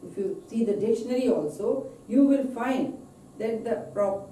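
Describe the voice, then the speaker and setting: Slow-speaking woman lecturing in an echoey room. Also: fairly high pitch, warm tone, recorded from a distance, a little hiss or hum. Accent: Indian English. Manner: slow, deliberate, drawn-out example words. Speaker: English pronunciation teacher. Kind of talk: recorded lecture.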